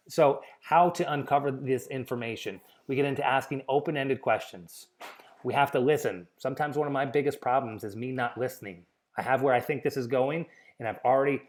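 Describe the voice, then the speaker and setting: A man giving an informal spoken lesson on negotiation, conversational, with frequent restarts and acted-out sample lines. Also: mid-range voice. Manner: conversational, repeats and restarts, acts out sample dialogue. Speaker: real estate negotiation teacher.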